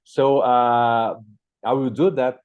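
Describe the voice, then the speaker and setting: A middle-aged Brazilian media educator with a Portuguese-speaker's accent gives an informal conference talk as a guest speaker, hesitantly repeating words while he thinks. His medium-pitched voice is steady and slow, carried over thin, phone-like online call audio.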